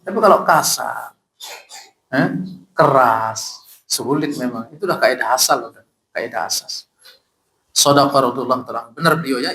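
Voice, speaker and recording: A male ustadz giving a mosque study sermon, reciting Arabic sayings slowly, then explaining them in a conversational way and asking the audience questions. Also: a little high, a bit bright, rough recording. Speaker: ustadz teaching a kitab study.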